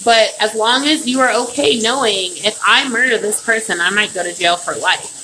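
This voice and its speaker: This young podcast host speaks at a normal speed, her slightly high voice pushed and bright. Loose, profane and a little tipsy, she rambles casually from her home beside the bath, where running water adds noise to the recording.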